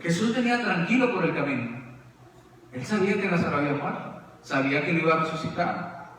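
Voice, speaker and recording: A man preaching a sermon with dramatic swings, raising questions and dropping to hushed, low emphasis. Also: animated, brisk, a little hiss or hum. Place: church sanctuary. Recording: echoey church hall, far from the mic.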